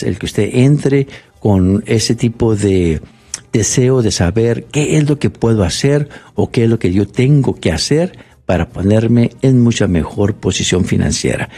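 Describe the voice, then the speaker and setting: A man's voice: mid-range voice, mellow, breathy edge. A man talking on the radio for a bank, persuasive and repetitive, with frequent fillers. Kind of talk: radio promotional talk.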